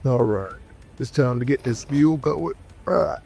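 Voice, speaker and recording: A man's voice: medium pitch, measured pace, vocal fry, warm tone, slightly rough, faint music behind. A man with a nasal, stuffed-up voice from being sick, chatting casually and folksily to viewers as a trucker vlogger. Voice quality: nasal, congested. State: sick with a cough and congestion. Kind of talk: casual vlog chat to viewers.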